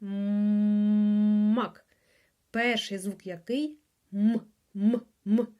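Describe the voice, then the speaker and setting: Woman, Ukrainian accent, preschool teacher, phonics lesson, very slow, repeats every word, drawn-out sounds. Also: mid-range voice, animated.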